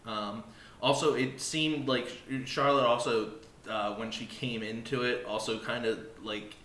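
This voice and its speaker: A man's voice: mid-range voice, fairly even intonation, measured pace, bright, forceful tone. A man co-hosting a casual wrestling review podcast, blunt and sarcastic, swearing freely. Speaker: podcast co-host. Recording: echoey room with faint noise.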